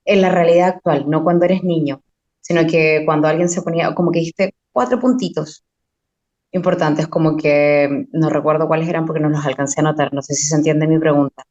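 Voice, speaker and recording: Female student, lowish voice, hesitant, dull lo-fi recording. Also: fairly even intonation, fairly quick, darkish tone. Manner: hesitant, searching for words. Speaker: student asking a question.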